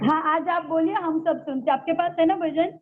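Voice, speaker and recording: A woman's voice: very high voice, brisk. A woman teaching a children's religious class over a video call, coaxing the kids sweetly and leading a recitation line by line. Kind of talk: leading an online kids' class, call and response. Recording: tinny phone-line audio.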